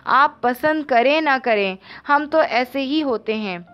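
A woman's voice: high voice, animated, slow, clean tone, muffled recording, faint music behind. A woman voicing a teasing, stubborn young man in a read-aloud novel, with a playful, mischievous manner.

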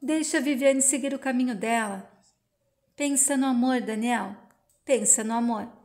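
A woman reading the lines of a gentle guardian angel, speaking calmly. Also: on the high side, moderate pace, natural voice.

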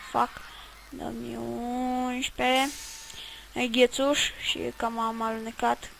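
A woman chats her way through a game in loose, rambling commentary. Her voice sits a little high and carries a gravelly fry, with a faint hiss of noise behind it. She swears at the game now and then. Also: level tone, a bit bright, rough recording. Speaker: let's play gamer. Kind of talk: casual gameplay commentary.

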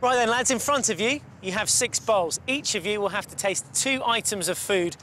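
High-pitched man hosting a kids' game show. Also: moderate pace, bright, forceful tone, slight background noise. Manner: upbeat, coaxing, guiding contestants step by step. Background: background music.

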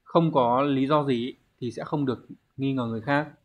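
The speaker is a Japanese language teacher giving an online exam-prep lesson, his pitch at an ordinary middle level. He goes patiently through each point, asks the students questions and answers them himself, keeping a steady tone at a moderate pace on a lo-fi recording.

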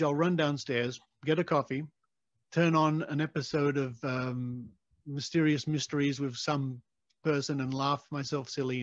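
A man's voice: medium pitch, no echo. A man with an Australian accent hosting a podcast, chatting casually and animatedly, laughing easily. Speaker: podcast host. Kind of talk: casual interview chat. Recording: dry, slightly dull sound.

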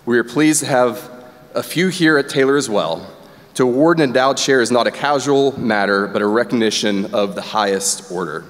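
A man's voice: medium pitch, normal speed. A man giving a formal, emphatic ceremonial address from a podium as a university official welcoming students. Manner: emphatic, rallying the crowd. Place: large chapel auditorium on stage. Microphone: podium microphone. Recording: long hall reverb with crowd noise. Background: faint crowd.

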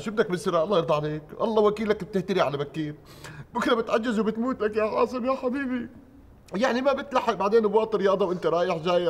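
Crafty Syrian swindler. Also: male voice, high-pitched. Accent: Syrian Arabic. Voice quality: crafty, cajoling. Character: scheming middle-aged male swindler clerk. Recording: reverberant studio set.

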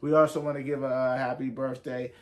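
A man's voice: medium pitch, level tone, brisk. A man in his thirties from Los Angeles, co-hosting a casual podcast from a living room couch, talking in a laid-back way and tagging his lines with "right?" and "though". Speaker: podcast co-host.

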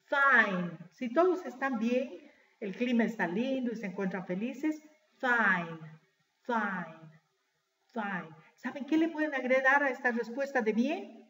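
A woman teaching English to primary school children, repeating short phrases slowly and spelling out letters for the class to repeat. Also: sits high. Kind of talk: slow, drilled classroom lesson. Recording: muffled, echoey room.

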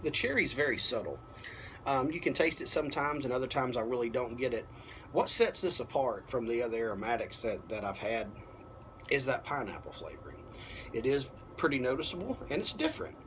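Halting man reviewing casually, noisy outdoor recording. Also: mid-range voice, sing-song, fairly bright tone. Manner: halting, unhurried, thinking aloud. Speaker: pipe tobacco reviewer. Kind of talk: casual product review to camera. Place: apartment balcony at night. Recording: clearly noisy, outdoor ambience.

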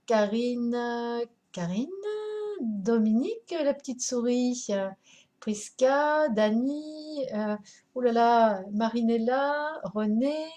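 Woman, fairly high voice, casual live stream chat, hesitant fillers, greets viewers. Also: takes it slowly, warm tone. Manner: chatty, greets viewers by name, many hesitations. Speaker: craft shop owner hosting a live stream.

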